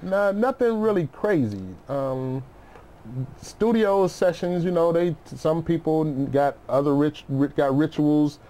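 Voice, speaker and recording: Speaking slowly in a fairly high, mellow voice, a middle-aged man chats informally as an interview guest. He's a music producer who tells slangy stories and frequently says "you know what I mean."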